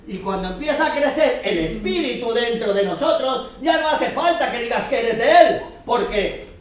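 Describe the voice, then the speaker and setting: A man's voice: very high-pitched, expressive, moderate pace. A man giving Bible teaching to a congregation, earnestly explaining and checking often that his listeners understand. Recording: very echoey room, distant mic.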